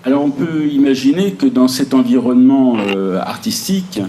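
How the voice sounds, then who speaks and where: A man interviewing an artist, asking long questions in a slow, halting way with many fillers. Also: mid-range voice, dark tone. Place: lecture room. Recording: echoey room with faint noise.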